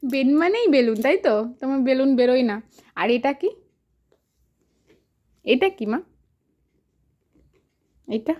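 A woman's voice: high voice, lively intonation, slow, long pauses, highs cut off. A mother teaching her toddler words in a home video, coaxing with sing-song questions and praise.

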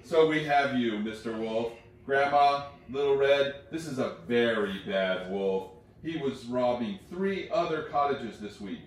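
A man voicing a brave hunter in a storybook play, calling out loudly. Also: mid-range voice, animated, measured pace, pitched above the performer's own voice, close to an everyday voice. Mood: commanding. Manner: loud, shouting. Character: brave male woodland hunter, hearty. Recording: distant, echoey, noisy home recording.

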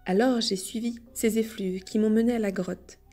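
A woman voicing Alidor, a kind and loyal big dog who talks calmly, in a storybook reading. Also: mid-range voice, normal speed, faint music behind, lightly acted. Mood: telling.

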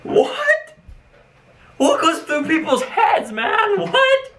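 A man's voice: extremely high pitch, wildly swooping pitch, drawn-out words, bright, forceful tone, a little hiss or hum, poor audio. A young man in a small room, casually reacting to clips on webcam, laughing a lot and exclaiming in disbelief. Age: young adult. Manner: keeps exclaiming "what?" with frequent laughter.

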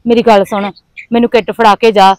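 A woman's voice: on the high side, level tone, fairly quick, darkish tone, lightly acted. A young woman, playing a lovesick village college girl who pushes her friends for help. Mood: pleading. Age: young adult. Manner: pushy, pleading with her friends. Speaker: college student. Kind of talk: village family drama acting.

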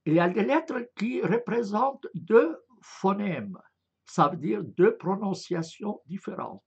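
A man lecturing at a very slow, halting pace, with many filler sounds and restarts. His voice is gravelly and husky, and his pitch moves a lot as he spells out letter sounds one at a time. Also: expressive, highs cut off. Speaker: lecturer on Arabic script. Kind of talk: slow explanatory online lecture.

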